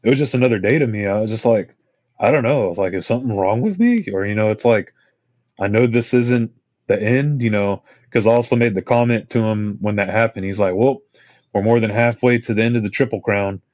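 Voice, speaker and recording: A laid-back man, a podcast guest, tells trail stories in a low, unhurried voice. He rambles and fills gaps with "you know" and "like". The sound is dry and close. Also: fairly even intonation, darkish tone, no echo, rough recording. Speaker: podcast guest, long-distance hiker. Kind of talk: casual storytelling chat.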